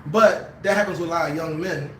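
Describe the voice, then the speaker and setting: A man patiently explaining things in casual conversation, full of "kinda" and "like." His voice is slightly high and sounds set back from the mic in an echoey room with faint hiss behind it. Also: brisk, distant mic. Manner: explanatory, uses fillers like kinda. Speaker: fitness explainer in podcast chat. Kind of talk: casual chat.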